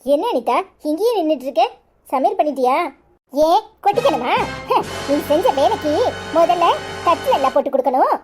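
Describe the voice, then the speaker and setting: A woman's voice: high voice, animated, moderate pace, darkish tone, faint music behind. A woman with a Kanyakumari Tamil accent voicing a quarrelsome young village wife in a cartoon, scolding and sarcastic. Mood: angry. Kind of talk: cartoon voice acting.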